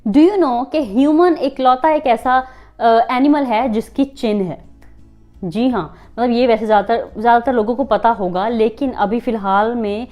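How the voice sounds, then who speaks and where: Higher-pitched Indian woman presenting fun facts. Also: darkish tone, soft background music. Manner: reads facts slowly in English, then chats quickly in Hindi. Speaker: host. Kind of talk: fact-sharing video, scripted English and chatty Hindi.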